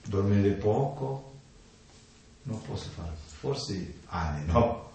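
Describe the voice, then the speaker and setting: A man giving an informal talk on the mind, speaking in halting, simple phrases and often checking in with a questioning "no?" after his points. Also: on the low side, lively intonation, dark tone. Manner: halting, simple non-native grammar, keeps adding "no?". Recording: echoey room, distant mic, faint noise.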